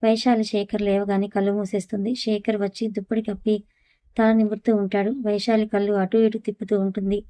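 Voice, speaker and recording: A woman narrating a family audio story, reading every character's lines and the narration in one even voice. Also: mid-range voice, no echo.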